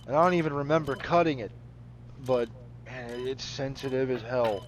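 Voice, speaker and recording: A man's voice: medium pitch, steady tone, moderate pace, noisy background. A man chatting casually while playing a game, rambling, laughing often and swearing freely. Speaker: gaming channel host. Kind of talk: casual commentary over gameplay.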